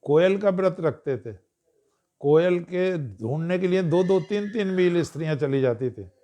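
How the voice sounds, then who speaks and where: Guy lecturing a crowd w/ old stories, slowww careful delivery, keeps clearing his throat. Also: high-pitched, lively intonation, warm tone. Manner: slow, measured, clears throat often. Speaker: speaker addressing an audience. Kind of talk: storytelling cultural discourse.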